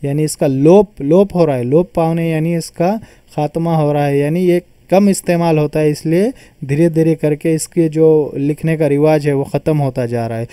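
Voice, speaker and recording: A man's voice: on the high side, normal speed, dark tone, clear, resonant tone, no room sound, clean studio sound. A man teaching a grammar lesson, patiently explaining and repeating terms as he sounds them out.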